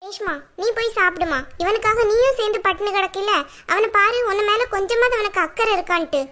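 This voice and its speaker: A woman's voice: very high-pitched, a little fast, sharp tone. Woman doing a bossy, scolding cartoon mother. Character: scolding middle-aged mother, blunt and bossy. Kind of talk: cartoon drama dubbing.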